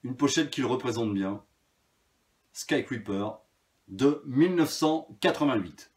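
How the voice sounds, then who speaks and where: A man's voice: medium pitch, expressive, measured pace, a little mellow. A man presenting his vinyl records in a casual video, talking freely with many hesitations and fillers. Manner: chatty, hesitant with frequent fillers.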